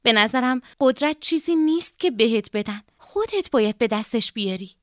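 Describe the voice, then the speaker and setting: A man voices a young woman in a storybook reading, her voice lifted high and soft. She speaks in a composed, cool manner, recorded dry and close. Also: lively intonation, no room sound, heavily acted. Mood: calm.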